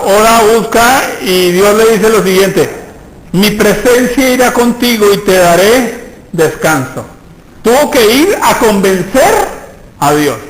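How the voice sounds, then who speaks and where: A man preaches with a fairly high voice in a roomy, echoing hall. He tells stories and acts out the people he quotes, speeding up and slowing down as he goes. It sounds like a sermon given from the pulpit. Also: a bit bright. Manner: storytelling preacher, acts out quoted voices, shifts pace often. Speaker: pastor.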